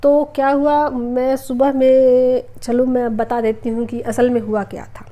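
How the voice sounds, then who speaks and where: A middle-aged woman hosting a spiritual healing channel, telling viewers a personal story in a chatty way, repeating herself and filling pauses with hesitations. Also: high-pitched, level tone, dark tone. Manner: chatty, repeats phrases, many hesitation fillers.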